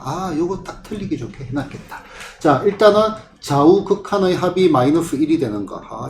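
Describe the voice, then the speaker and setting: A man's voice: a little high, darkish tone. A male math tutor working through problems and checking in with rhetorical questions. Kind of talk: classroom problem walkthrough. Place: tutoring classroom. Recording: echoey room with faint ambient noise.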